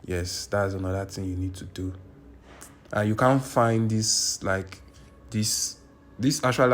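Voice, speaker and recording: A man from Nigeria with a lowish voice, carrying a little hiss or hum, walks through a screen-recorded YouTube tutorial indoors at his computer. He is repetitive and insistent, often repeating himself and correcting his own words.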